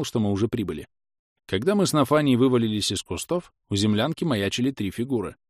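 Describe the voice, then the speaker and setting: A man's voice: lowish voice, darkish tone, no room sound, studio quality. A man narrating a first-person audiobook in a wry, matter-of-fact way.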